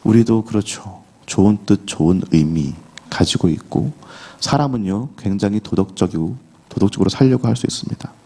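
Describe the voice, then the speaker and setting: Low-voiced male pastor, conversational sermon. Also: normal speed, hardly any pauses, dark tone, husky. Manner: conversational preaching with acted quotes of biblical figures. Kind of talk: early-morning prayer sermon. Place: church sanctuary.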